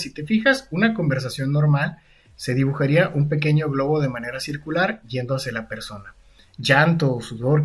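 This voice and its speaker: A man's voice: medium pitch, a bit bright, husky. A man teaching a lesson on comics, talking straight to the listener and often checking in with short tag questions. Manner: addresses the listener directly, frequent tag questions.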